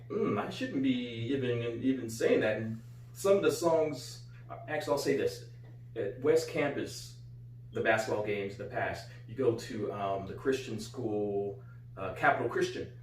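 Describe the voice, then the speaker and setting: His mid-range voice has a darkish tone, and he's a middle-aged American man co-hosting a casual conversation. A father, he repeats phrases for emphasis while seated on a couch in a small living room. The distant mic makes the recording roomy and off-mic, with a faint hum.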